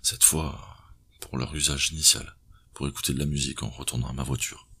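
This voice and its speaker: Male audiobook narrator, very deep, husky, gravelly, tense measured thriller read. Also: fairly even intonation, bright, forceful tone.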